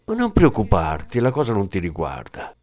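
Brief: male reader doing a defensive desk sergeant, curt, pitched higher. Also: huge pitch swings, normal speed, darkish tone, faint music behind. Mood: irritated. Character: irritated male desk sergeant at a police station.

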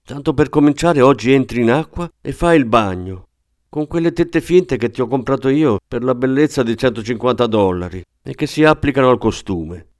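A man reads an audiobook in a studio with no echo, voicing a bossy, domineering older sister with a raised, commanding voice. His natural, mid-range voice is animated and slightly mellow at normal speed, pitched above his own usual register.

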